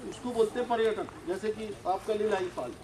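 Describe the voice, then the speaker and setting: A man in his sixties, a retired forest officer, teaching schoolchildren outdoors in a forest, quizzing them and urging quick answers. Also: sits high, a little mellow. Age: 60s. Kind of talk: outdoor nature lesson to schoolchildren. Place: outdoors in a forest with a group of children. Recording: noisy outdoor recording.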